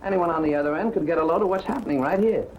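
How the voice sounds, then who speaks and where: An actor playing a sarcastic ex-cop private detective with a Brooklyn accent, in 1940s film acting with a breezy, wisecracking delivery. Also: male voice, on the high side, racing, a little mellow, highs cut off, natural voice. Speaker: private investigator. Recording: old film soundtrack with faint hiss.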